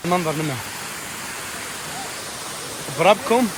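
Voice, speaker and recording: A young man with an Iraqi Arabic accent vlogging an outdoor trip, excited and anxious, calling out warnings to friends. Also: sits high, unhurried, background noise. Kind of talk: outdoor adventure vlog. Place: outdoors by a waterfall.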